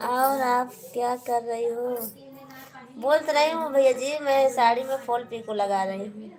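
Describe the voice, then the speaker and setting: Awadhi lady live streaming at home, teasing her viewers, slowish chatty talk. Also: a little high. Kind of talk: casual live-stream chat reading viewer comments. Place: indoors at home. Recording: loud background noise.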